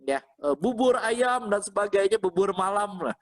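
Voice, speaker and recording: He has a high voice and keeps a moderate pace. His informal sermon for an online congregation is lively and exhorting, full of repeated phrases and brief questions that check whether listeners are following.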